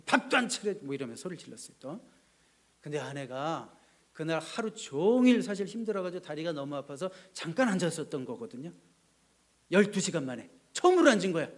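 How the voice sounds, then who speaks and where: Animated Korean pastor preaching a sermon. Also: male voice, fairly high pitch. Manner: animated storytelling, acting out shouted quotes in character; slows down for solemn scripture reading. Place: church sanctuary.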